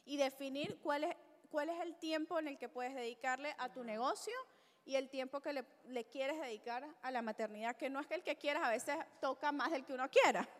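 High bright woman host, live podcast chat, echoey hall sound. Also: a little fast. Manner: lively, mixes English into Spanish. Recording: reverberant live venue.

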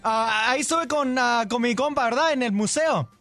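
A man telling a joke on a radio show, halting and searching for words, mixing in English. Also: very high voice, fairly bright tone. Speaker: comedian guest.

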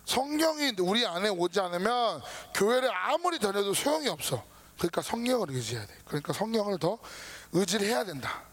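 A man preaching a casual sermon to a youth group, lively and informal, acting out his listeners' worries. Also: high-pitched, brisk. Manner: lively, talks down to students casually, acts out their worries. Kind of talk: sermon to teenagers.

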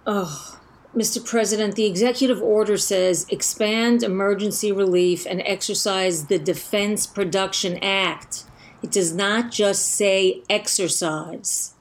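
A blunt female press reporter with attitude, acted by a woman in a comedy sketch. She sounds exasperated and corrective, in an ordinary mid-range pitch. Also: steady tone, unhurried, lightly acted. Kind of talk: satirical press conference sketch.

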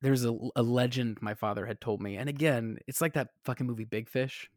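A man's voice: medium pitch, steady tone, brisk, no echo, studio quality. Rambling Southern-raised man telling stories. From American South. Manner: rambling with many fillers and restarts. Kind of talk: casual storytelling chat.

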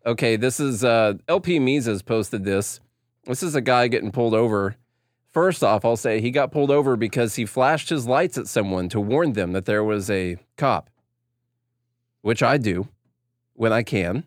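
Man, medium pitch, casual opinionated commentary, blunt, informal, dry close microphone. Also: moderate pace, no room sound. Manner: blunt, informal, acts out quoted dialogue. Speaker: talk show co-host.

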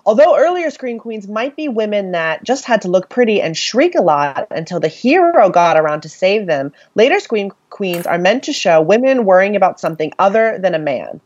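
A woman co-hosting a casual podcast, talking from notes in a halting way. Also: mid-range voice, big pitch swings, darkish tone, no echo, lo-fi sound. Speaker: podcast co-host.

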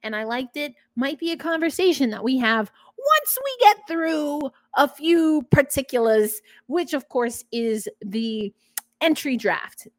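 A woman's voice: high-pitched, very animated, a little slow, dry recording. A woman with a New York accent hosting a casual hockey podcast, chatty and upbeat. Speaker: podcast host.

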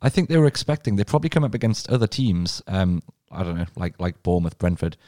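A man's voice: low voice, lively intonation, fast talker, warm tone, no echo, clean studio sound. A man, a football podcast panelist who speaks emphatically and swears casually.

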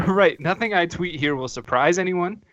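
A man's voice: high voice, normal speed, a bit bright, no echo. A man hosts a casual football podcast and tells rambling, anecdotal stories, often restarting his sentences. The recording is dull and lo-fi, and it sounds dry with no room around the voice. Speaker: podcast host.

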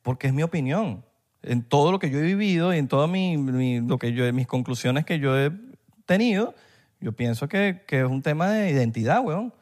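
A man in his thirties from Venezuela with a Venezuelan Spanish accent, arguing in a slangy, animated casual chat as a podcast co-host. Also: fairly high pitch, normal speed.

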